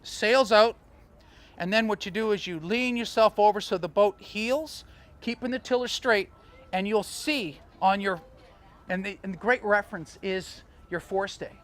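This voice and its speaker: High-voiced man coaching sailing. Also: normal speed. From Canada. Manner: animated, storytelling, chuckling asides. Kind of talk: outdoor teaching talk.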